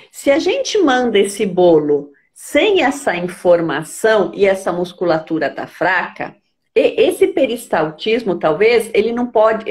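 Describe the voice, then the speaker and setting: Brief: woman from Brazil, speech therapist, calm didactic explainer who keeps checking in. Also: medium pitch. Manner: patient, didactic, checks understanding with "tá?". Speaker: speech therapist answering questions. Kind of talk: explanatory health talk.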